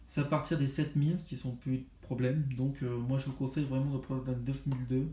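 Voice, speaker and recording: A man's voice: medium pitch, level tone, fairly quick, mellow. Rambling man reviewing games. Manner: rambling, many fillers and restarts. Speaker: video game collector vlogger. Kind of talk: casual haul review.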